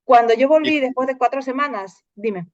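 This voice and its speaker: A woman hosting a casual conversation, telling stories in an animated way and acting out the lines of others. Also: sits high, fairly quick, no echo, dull audio. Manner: animated storytelling, acting out dialogue. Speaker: host.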